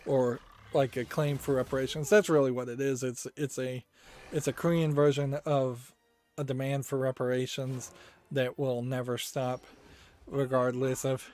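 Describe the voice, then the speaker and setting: A man with a medium-pitched, level, darkish voice hosts a game news channel. He browses store reviews and comments casually, musing aloud with frequent pauses and hesitations.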